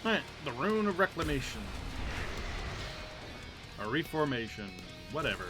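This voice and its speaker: A man's voice: mid-range voice, animated, normal speed. A man giving casual, chatty gameplay commentary as a streamer, with wry muttered asides to himself. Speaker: game streamer. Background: video game music.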